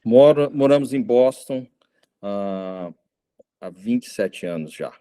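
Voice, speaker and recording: A man's voice: mid-range voice, animated, takes it slowly, warm tone, clean tone. A middle-aged man from Goiânia, preaching an informal sermon, hesitant with many fillers and restarts. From Goiânia, Brazil. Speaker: visiting preacher.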